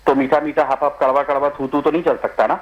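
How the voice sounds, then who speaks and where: A male politician giving a measured answer in a news interview, slipping English phrases into his speech. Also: a little high, level tone, lo-fi sound. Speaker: politician guest.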